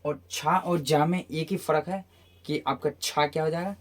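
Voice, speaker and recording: A man's voice: a little high, steady tone, normal speed. A man teaching a phonetics lesson who asks questions and answers them himself, repeating each sound several times in drills. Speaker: English pronunciation teacher.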